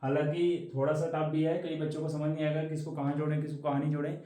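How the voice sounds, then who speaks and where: A man's voice: a little high, little pitch movement, fast talker, warm tone. A man teaching a casual science lesson for exam prep, chatty and repeating questions back to the students. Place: room, standing at a board. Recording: very echoey room.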